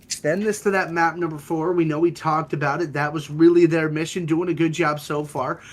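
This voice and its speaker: A young man casting an esports match, giving fast and excited play-by-play. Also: on the high side. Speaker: esports caster. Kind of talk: play-by-play commentary.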